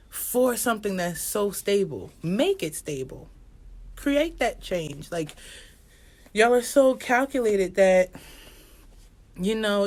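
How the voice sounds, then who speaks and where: Woman, oracle card reader, casual reading to camera, rambling, repeats herself, talks to viewers as y'all. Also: mid-range voice. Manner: rambling and repetitive, speaks directly to viewers as y'all, casual swearing.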